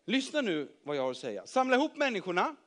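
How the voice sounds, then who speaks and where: Brief: gentle patient teacher figure, read by a man, calm and warm-hearted, children's Bible story. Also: sits high. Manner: calm and kind.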